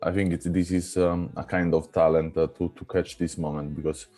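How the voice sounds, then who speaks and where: Male host, very low mellow voice, halting questions. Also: little pitch movement. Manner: hesitant, halting non-native English with many fillers. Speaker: podcast host. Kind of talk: casual interview.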